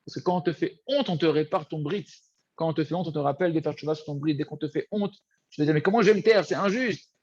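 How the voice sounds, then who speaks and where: A man teaching a Torah lesson, lively and repetitive, often addressing his listeners as friends. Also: fairly high pitch, quick pace, dry recording, highs cut off. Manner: animated, repeats words, addresses listeners as friends. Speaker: rabbi teaching.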